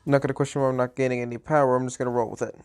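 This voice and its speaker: A man's voice: mid-range voice, little pitch movement, very fast, darkish tone, clear, resonant tone. A man chatting through his own mobile game playthrough, sounding a little tired, rambling and correcting himself as he goes. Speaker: gaming channel host. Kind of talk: casual gameplay commentary.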